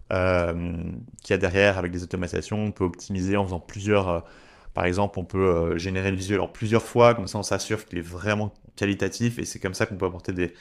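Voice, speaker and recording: A man walking viewers through a software tutorial in a chatty, direct way. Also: low-pitched. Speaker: tutorial creator. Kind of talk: screen-share software tutorial.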